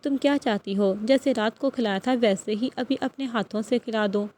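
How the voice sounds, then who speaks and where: A woman's voice: on the high side, darkish tone, natural voice. A woman reading the lines of a domineering young husband in an audiobook novel, with a commanding, threatening tone. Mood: firm.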